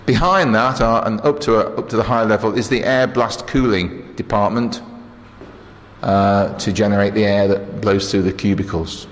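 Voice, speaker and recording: In a transmitter hall, a man with a lowish, steady voice gives a casual technical tour at a moderate pace. Speaking as an engineer, he explains the equipment while operating it, plain-spoken and matter-of-fact, with dry asides. Machinery and air-cooling noise come through clearly on the recording.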